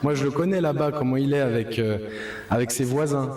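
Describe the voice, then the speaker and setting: A man's voice: medium pitch, a little fast, a little mellow. A man, a singer being interviewed, talking in an earnest, rambling way with many restarts. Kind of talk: casual interview talk. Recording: echoey room.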